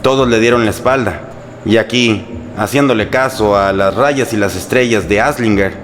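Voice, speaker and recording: Narrating history from a script, this host speaks with a Mexican accent and a humorous, sarcastic, colloquial flair. His voice is lowish and a bit bright, moving at a moderate pace, with slight background noise. Background music plays beneath him as a music bed.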